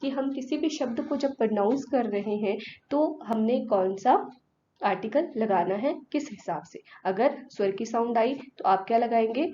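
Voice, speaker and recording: A woman's voice: a little high, normal speed, dark tone, muffled recording, slight background noise. A woman teacher giving an exam-prep grammar lesson. She asks her students questions and answers them herself, mixing English words into Hindi.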